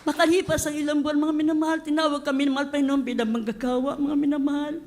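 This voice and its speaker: A woman's voice: high voice, flat delivery, rapid-fire, a little mellow. A middle-aged woman giving an emotional church testimony, fervent and often addressing the congregation fondly.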